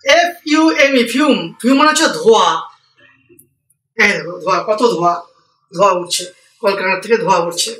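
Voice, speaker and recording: This vocabulary lesson for learners comes from an Indian man whose high-pitched voice is expressive, bright and forceful. He talks quickly but pauses often while spelling and patiently explaining English words, and the distant, echoey recording has a little hiss or hum.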